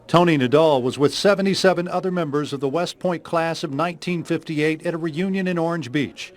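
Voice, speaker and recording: A man's voice: a little high, fairly quick. A man with an American accent narrating a scripted television news report as the reporter.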